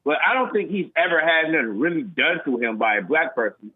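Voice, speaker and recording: A man's voice: a little high, expressive, fairly quick, crowd noise. A man calling into a radio show on a phone that sounds like a speakerphone, talking bluntly and provocatively over the host. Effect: phone call that sounds like a speakerphone. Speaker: radio call-in caller. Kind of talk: casual call-in chat. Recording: tinny speakerphone line.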